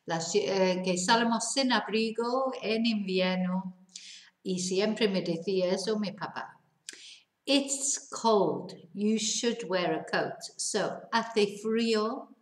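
A woman with a Manchester accent teaches a bilingual language lesson at a very slow, deliberate pace. She reads each example sentence out carefully. The room around her echoes noticeably. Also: medium pitch. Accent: Northern English, Manchester. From England. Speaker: English teacher.

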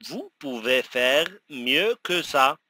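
A man teaching, saying each short phrase twice slowly and clearly for learners to repeat. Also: mid-range voice, big pitch swings, pushed and bright, dry recording. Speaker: language teacher. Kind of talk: slow phrase-by-phrase pronunciation drill.

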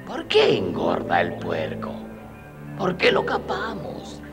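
An actor playing a cruel, scheming older man who speaks slowly and mockingly in a dubbed telenovela. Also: low voice, huge pitch swings, vocal fry, heavily acted. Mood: gloating. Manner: slow, gloating, mocking. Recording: music playing behind the voice.

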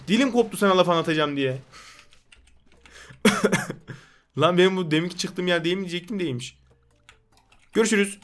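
A young man with a high voice gives rowdy, excited gameplay commentary. He jokes and scolds the game characters in a put-on comic street manner. Faint music plays beneath his voice. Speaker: gaming YouTuber.

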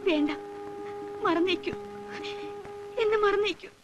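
A woman's voice: very high-pitched, slow pace, highs cut off. An actress playing a young noblewoman who speaks with resigned, despairing sorrow. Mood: sorrowful. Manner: despairing, pleading. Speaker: film character. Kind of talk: 1990s film acting.

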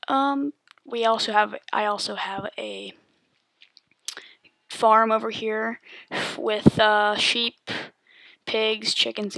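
A woman's voice: mid-range voice, creaky, no room sound. Woman rambling through a game tour. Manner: relaxed, rambling with many ums. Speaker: gamer giving a world tour. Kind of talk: casual game tour narration.

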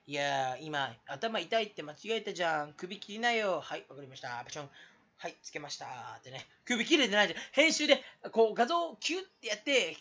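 A man from Kanto rambling alone as a YouTuber, goofing around in a put-on Kansai dialect and jumping between quiet mutters and loud outbursts. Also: sits high, lo-fi sound. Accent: put-on Kansai dialect over Kanto speech. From Kanto, Japan. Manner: goofy, jumpy, abrupt swings in loudness. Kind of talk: rambling solo chat.

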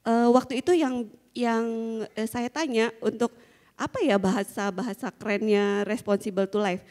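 A woman's voice: on the high side, steady tone, moderate pace, a little mellow. A middle-aged woman founder giving a chatty conference talk into a handheld microphone, telling stories with frequent fillers and small laughs. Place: large conference hall with a seated audience. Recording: long hall reverb.

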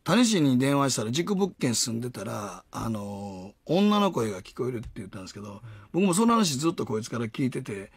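Animated Kansai man telling ghost stories. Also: medium pitch, a little fast, few pauses, husky, no room sound. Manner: animated storyteller, acts out voices and sounds. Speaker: radio host. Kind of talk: casual ghost-story chat.

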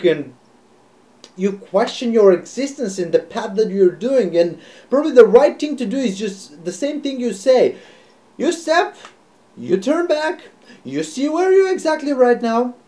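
A young man from Bulgaria talking reflectively to his webcam in a small room, animated and repeating phrases for emphasis. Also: very high-pitched. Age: young adult. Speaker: video creator. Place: small bright room indoors. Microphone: webcam at close range, filmed from below.

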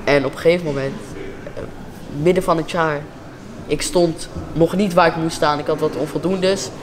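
A man's voice: on the high side, steady tone, normal speed, a crowd in the background. A young man, casually telling a personal story as an interviewee in a large indoor hall. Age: young adult.

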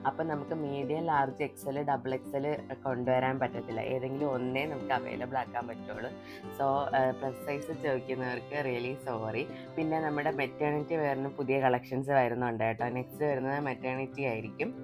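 A woman's voice: very deep voice, steady tone, fairly quick. A young woman chatting casually to her viewers as a family vlogger, often adding a friendly tag to her sentences. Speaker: family vlogger and clothing seller. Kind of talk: casual vlog chat. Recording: background music under the voice.

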